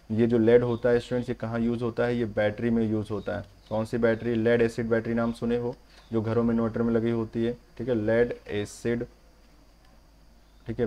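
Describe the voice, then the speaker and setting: A man's voice: medium pitch, a little mellow. A man teaching electrician trade theory in a lecture, often checking "okay?" with the students and telling them to listen carefully. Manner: repeats "theek hai" and addresses "students" constantly; explains step by step, urges listeners to pay attention. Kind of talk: Hindi classroom-style lecture.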